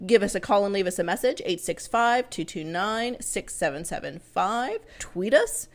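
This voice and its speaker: A woman hosts a casual podcast in an upbeat, teasing manner. Her pitch is very lively and swings widely. Her voice sits mid-range for a woman. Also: moderate pace. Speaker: podcast host. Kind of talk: casual chat.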